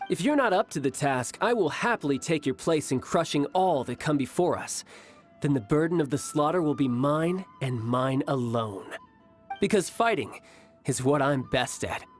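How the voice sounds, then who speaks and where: An actor playing a calm, proud young warrior who loves battle, in a video game, with music behind. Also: male voice, fairly high pitch, moderate pace, lightly acted. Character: bold battle-loving young male warrior.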